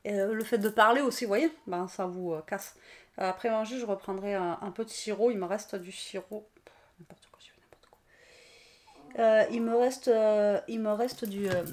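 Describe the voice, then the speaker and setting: A woman, talking with a raspy, hoarse voice as she vlogs. She sounds worn out and rambles loosely, filling pauses with hesitations and turning aside to talk to her pet. Her voice sits at a middling pitch. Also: fairly even intonation. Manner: rambling, many fillers, talks to her pet. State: tired, worn out. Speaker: vlogger. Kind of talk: casual vlog chat.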